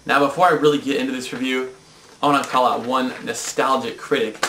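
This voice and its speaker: A young man hosting a comedic cartoon review, talking in an excited, mock-indignant way. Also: medium pitch, brisk, roomy sound, slight background noise, low-quality recording.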